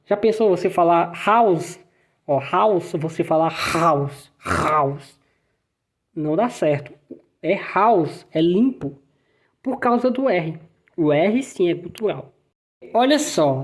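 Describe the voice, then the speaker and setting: A woman's voice: fairly low pitch, a little mellow. A woman with a Brazilian Portuguese accent teaching a German language lesson, patiently repeating letters and words for practice.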